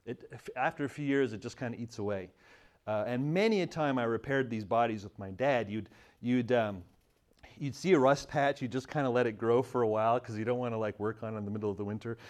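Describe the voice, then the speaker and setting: Man, 30s, from Montreal, casual storyteller, lively and laughing, mid-pitched voice. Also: fairly quick. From Montreal, Canada. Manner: animated, laughing, many restarts.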